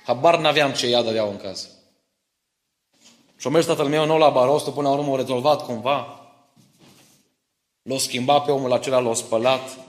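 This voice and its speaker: A middle-aged man preaching a sermon in church. He tells stories from his family and explains Bible verses, often asking the congregation whether they follow him. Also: mid-range voice. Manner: personal stories mixed with Bible teaching, asks listeners for agreement. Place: church hall. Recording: echoey church hall.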